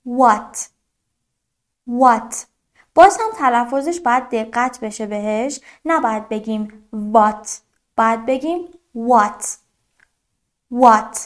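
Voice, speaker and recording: Patient woman teaching a beginner lesson. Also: on the high side. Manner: patient, repeats words slowly and carefully for pronunciation. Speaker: English teacher.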